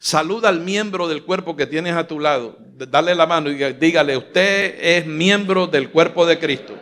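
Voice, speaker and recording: This pastor's voice is fairly high and a bit bright, moving at a moderate pace through a live Sunday sermon on a church stage. He preaches emphatically and stirringly, prompting the congregation with questions to answer, and the footage uses a stage mic.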